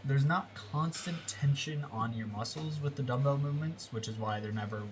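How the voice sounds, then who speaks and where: A young American man talks through a casual voiceover with a clogged, stuffy nose. He rambles and restarts his sentences, keeping to an everyday middle pitch. A faint hiss sits under the recording. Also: moderate pace. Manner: rambling, with self-corrections and filler words. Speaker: fitness vlogger. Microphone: close voiceover mic.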